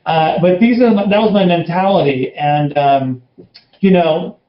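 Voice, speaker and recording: Blunt guy pumping up the crowd with his story, kinda high voice, echoey dull home audio. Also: a little slow. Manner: blunt, emphatic, motivational. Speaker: network marketing leader, interview guest. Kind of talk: casual interview storytelling. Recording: roomy, dull lo-fi sound.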